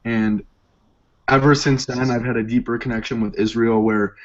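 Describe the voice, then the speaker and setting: A seventeen-year-old boy from Chicago speaking earnestly on an online call, pausing with ums. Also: mid-range voice, steady tone. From Chicago, USA. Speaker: panelist. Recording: dull lo-fi call audio.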